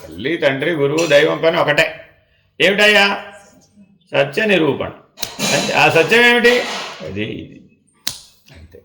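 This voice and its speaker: A man's voice: on the high side, sing-song, measured pace, creaky, pauses often, bright, forceful tone, echoey room. A man giving a devotional discourse as a spiritual teacher, asking rhetorical questions and repeating refrains, sometimes dropping to a near-whisper.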